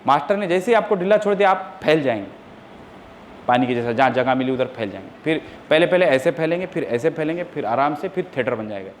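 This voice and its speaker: A high-pitched man lectures a roomful of students, swinging from sharp scolding to patient, deliberate dictation of formulas. The classroom recording carries a faint hiss of background noise. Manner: scolding students loudly, then calm step-by-step teaching. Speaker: coaching class teacher.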